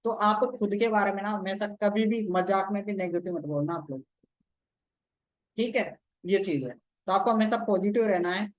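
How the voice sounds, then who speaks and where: A man giving a live online motivational lesson, repeating himself and often checking in with the audience and asking them questions. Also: high-pitched. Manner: keeps checking in with "ठीक है" and quizzing listeners; repeats phrases, explains slowly step by step. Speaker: motivational coach.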